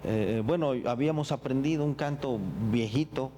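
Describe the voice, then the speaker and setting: In a sermon, a middle-aged man who is a pastor recounts his personal testimony earnestly and reflectively, stumbling and repeating words as he goes. He speaks at a medium pitch in a mellow voice, and there is a little background noise.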